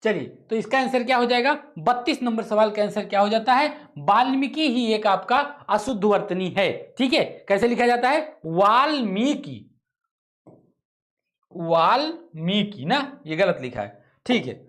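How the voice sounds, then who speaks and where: A man's voice: sits high, animated, normal speed. A male teacher leading an online test-solving class, repeating each question, thinking aloud, correcting himself and tossing casual asides to students. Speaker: exam-prep teacher.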